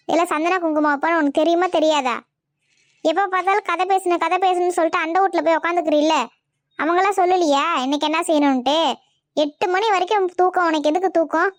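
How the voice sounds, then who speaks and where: A woman's voice: extremely high pitch, no echo. A woman playing a bossy mother-in-law who berates her daughter-in-law in a comedy family skit. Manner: nagging, berating, scornful. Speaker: skit actor.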